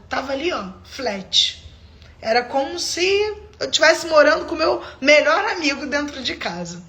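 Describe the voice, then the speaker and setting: A high-pitched woman hosts a live stream from home. She delivers a personal faith testimony as an emphatic storyteller and keeps turning to address her viewers directly. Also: a bit bright.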